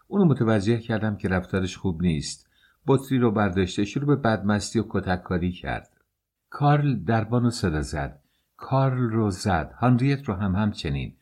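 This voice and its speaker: A man's voice: lowish voice, darkish tone. Male reader voicing a German-accented landlady, indignant, aggrieved, storybook reading. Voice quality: indignant, pleading. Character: flustered middle-aged landlady pleading her case.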